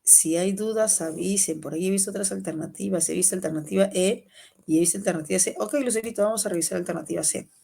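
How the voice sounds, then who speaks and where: Peruvian woman, prep-class teacher, gravelly mid-pitched voice, quizzes students by name. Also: fast talker. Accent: Peruvian Spanish. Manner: lively, calls students by name, asks and answers questions. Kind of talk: online exam-prep class.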